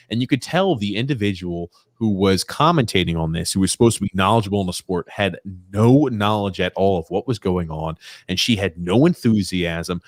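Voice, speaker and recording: A man's voice: on the low side, no echo, studio quality. A man hosting a casual sports talk show, chatty and reading out viewer comments. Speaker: host.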